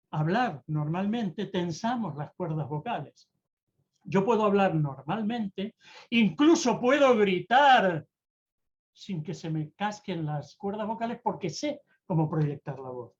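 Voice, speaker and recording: Over a video call, a mentor teaching presentation skills talks about public speaking with an animated, darkish, medium-pitched voice. The delivery is theatrical, deliberately varying tone and speed, and the audio is slightly dull and lo-fi.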